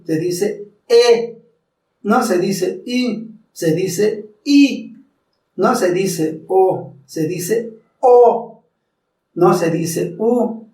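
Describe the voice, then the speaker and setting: High-voiced man teaching in an echoey room. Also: a little mellow, distant mic. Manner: formal, addresses viewer as usted, demonstrates pronunciation slowly. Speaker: public speaking teacher. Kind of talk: instructional talk.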